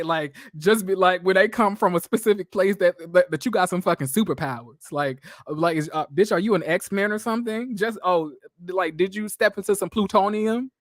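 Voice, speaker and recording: This livestream host, a man with a high-pitched voice, recaps a reality show and reads out viewer comments, answering them bluntly and sassily with profanity and many rhetorical questions. The sound is dry and studio-clean.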